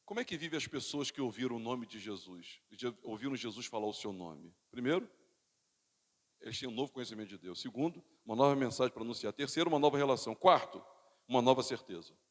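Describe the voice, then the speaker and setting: A male pastor, preaching a sermon with dynamic swings from loud calls to quiet asides, and calling on the congregation to repeat after him. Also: medium pitch, lively intonation, fast. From Brazil. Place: church sanctuary. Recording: reverberant church hall.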